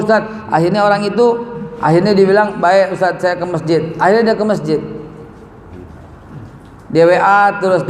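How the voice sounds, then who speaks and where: A man's voice: high-pitched, a little mellow. A man preaching a mosque sermon, emphatic and slangy, his voice rising as he presses a point. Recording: echoey hall reverb.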